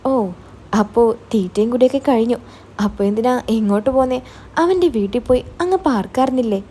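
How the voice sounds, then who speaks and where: A stern, sarcastic mother in a storybook audio tale, put on by a woman narrator. The voice is mellow and slightly high, and she picks at her son with clipped questions. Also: fairly quick, breathy edge. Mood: irritated. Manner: sharp, sarcastic. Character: stern, irritated middle-aged mother.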